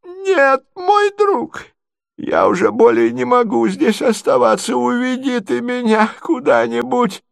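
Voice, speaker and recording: A man's voice: very high voice, expressive, measured pace, vocal fry, no echo, studio quality, voice pushed up, exaggerated voice. A man voicing a senile, fussy elderly prince who stammers and quavers. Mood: dithering.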